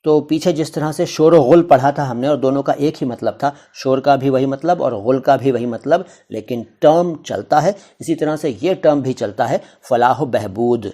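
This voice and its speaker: A man's voice: medium pitch, mellow. A male teacher explaining a textbook chapter, reading a line and then glossing each word with synonyms, asking and answering his own questions.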